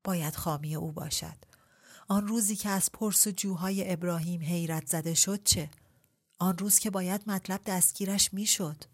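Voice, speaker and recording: A woman reading a literary novel aloud in a measured, reflective way, posing rhetorical questions. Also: lowish voice. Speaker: audiobook reader. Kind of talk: literary story narration.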